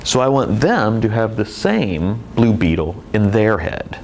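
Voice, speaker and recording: A man's voice: on the low side, sing-song, unhurried, creaky, a little hiss or hum, low-quality recording. A man teaching presentation skills in a video lecture, explaining expressively with demonstrations. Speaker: presentation instructor.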